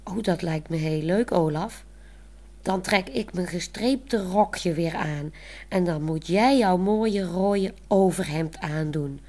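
A woman's voice: lowish voice, slow, mellow. A woman voicing a proud, self-assured, talkative young woman who explains things matter-of-factly, in a storybook reading.

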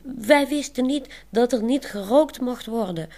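A woman voicing a cheerful young woman in a wheelchair who is excitable and quick to fret. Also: medium pitch. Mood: flustered.

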